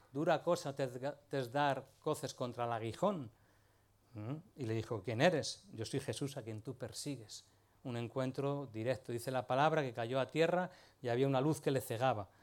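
A man's voice: mid-range voice, darkish tone. A man preaching a sermon, talking to the congregation in a conversational way and often asking them rhetorical questions.

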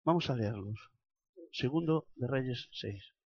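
A man with an accent from Spain preaching a sermon, building to loud impassioned passages and acted prayers. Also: mid-range voice, lively intonation, takes it slowly, husky, dry recording, lo-fi sound. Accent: Spanish from Spain.

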